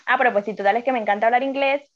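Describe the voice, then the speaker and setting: A woman's voice: fairly high pitch, very fast, dull audio. A young woman with a coastal Colombian Spanish accent chats casually as a podcast guest, rambling and exclaiming as she goes. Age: young adult.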